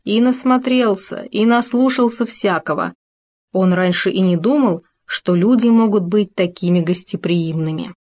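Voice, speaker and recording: A woman's voice: medium pitch, a little mellow. A woman narrating a children's animal story in a wry, playful way.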